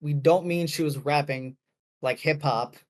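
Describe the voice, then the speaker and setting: A man's voice: fairly high pitch, unhurried. A man co-hosting a podcast, chatting casually about a movie, rambling with lots of fillers and restarts. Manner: rambling, heavy on fillers, self-correcting. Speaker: podcast co-host.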